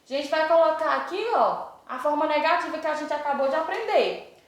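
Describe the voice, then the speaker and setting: A Brazilian woman teaches an English video lesson to children in a high voice. She explains each step and keeps asking the class questions. The room is very echoey. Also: fairly quick.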